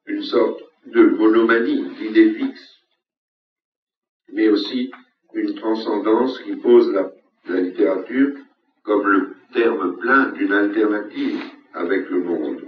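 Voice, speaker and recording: Lecturer guy, deep-ish, repeats key lines slowly, roomy distant muffled recording. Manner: measured, emphatic, repeats key phrases. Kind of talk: university lecture.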